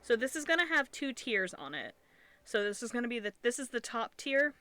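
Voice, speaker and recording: Bright, lively young woman streamer. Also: a little high, brisk, no echo. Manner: thinks aloud, chatty and repetitive. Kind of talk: casual live-stream chat while sewing.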